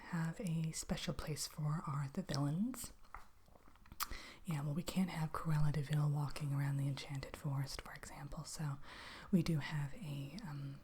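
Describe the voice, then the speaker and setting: A woman performs a whispered role-play as a polite interviewer for a fairy tale realm. Her voice is low and breathy, mostly unvoiced. She speaks in a hesitant, chatty way, putting questions softly.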